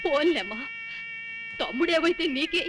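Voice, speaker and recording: A woman's voice: high voice, lively intonation, normal speed, noisy background. An actress playing an ailing elderly mother, hard of hearing, who talks in a plaintive, complaining way in a film comedy. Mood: pleading. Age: older. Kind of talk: 1980s film comedy dialogue.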